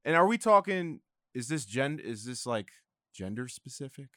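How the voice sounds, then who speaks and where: Young man with lively, swinging intonation. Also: mid-range voice, moderate pace, dry recording, clean studio sound. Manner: lively, hesitant restarts, laughs easily. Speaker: podcast co-host. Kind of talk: casual chat.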